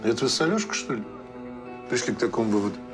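A man's voice: medium pitch, sing-song, racing, over music, close to an everyday voice. A middle-aged man playing an avuncular, jovial boss in a naturalistic screen drama. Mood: low, confiding.

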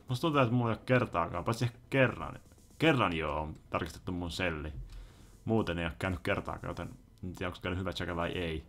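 A young man commentating his own gameplay in a let's play, muttering to himself and then bursting out loudly. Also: deep voice. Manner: excitable, talks to himself, swings from mutters to loud outbursts. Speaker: gaming YouTuber.

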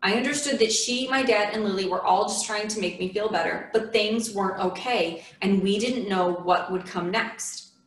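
A woman's voice: medium pitch, moderate pace. Woman reading a memoir in a church. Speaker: memoir reader. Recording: echoey room from a distant mic.

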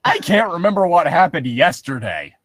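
A man's voice: a little high, very animated, normal speed, dry recording. Man, sardonic, casual banter and read-aloud, freely swearing, dry close sound.

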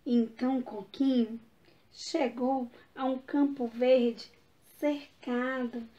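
A woman reading a children's story aloud in a slow, expressive storytelling manner, in a dull lo-fi recording. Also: sits high.

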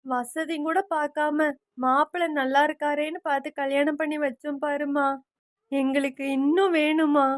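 A woman plays a grieving middle-aged mother in a family cartoon, pleading and lamenting. Her voice is high, and the recording is close and dry. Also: little pitch movement, moderate pace, no echo, natural voice. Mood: distraught.

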